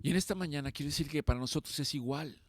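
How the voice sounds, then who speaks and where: A man's voice: fairly high pitch, rapid-fire. A man preaching a sermon as pastor, impassioned and emphatic, repeating key phrases for weight.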